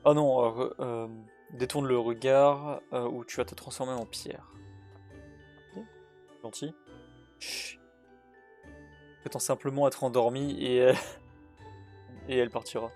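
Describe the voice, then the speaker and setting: Playing a horror game, this man narrates and translates its text out loud, stumbling through many fillers and restarts. His medium-pitched voice is steady and darkish, a little slow, with long pauses. He's a gaming YouTuber, and faint game music plays in the background.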